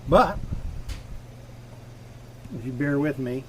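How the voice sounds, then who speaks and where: A man's voice: medium pitch, lively intonation, slow pace, fairly bright tone, a little hiss or hum. A man hosting a live stream from his home fish room, casually explaining his fish while he works on the tanks.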